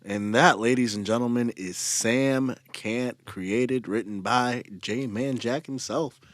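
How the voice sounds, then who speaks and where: A man hosting a podcast in casual banter, excitable and swearing freely. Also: mid-range voice, takes it slowly, dry recording. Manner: excitable, swearing, shouts when hyped. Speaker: podcast host.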